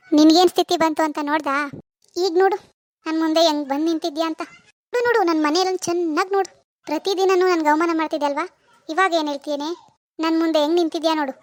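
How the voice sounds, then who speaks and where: A woman voicing a boastful rich young woman who taunts and lectures her poorer sister in an animated cartoon. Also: extremely high pitch, dry recording. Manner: taunting, scolding, preachy.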